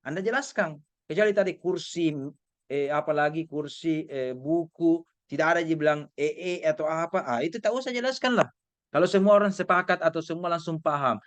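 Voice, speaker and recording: A man giving an informal class lecture, animated and teasing, questioning his students. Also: sits high, no room sound.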